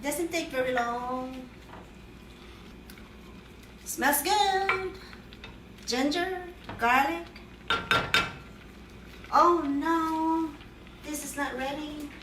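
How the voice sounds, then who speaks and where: A middle-aged home cook vlogger cheerfully demonstrates a home recipe in a casual cooking demo, joking playfully and exclaiming a cheery "ta-da." Her high voice stretches words out with long pauses, and a distant camera mic across the kitchen picks up roomy echo, faint clatter, and heavy background noise.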